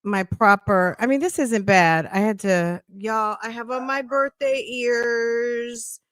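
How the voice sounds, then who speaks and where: A woman's voice: fairly high pitch, takes it slowly, a bit bright, no room sound, clean studio sound. A woman in her fifties hosting a casual livestream, sassy and playful, thanking her viewers as she chats. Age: 50s. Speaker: podcast host.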